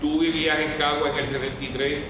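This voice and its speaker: A man's voice: fairly high pitch, level tone, a little fast. A man with a Puerto Rican Caribbean Spanish accent gives an informal, didactic history talk to a group in colloquial language, often putting questions to them. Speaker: lecturer. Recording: very echoey room, distant mic, clear noise.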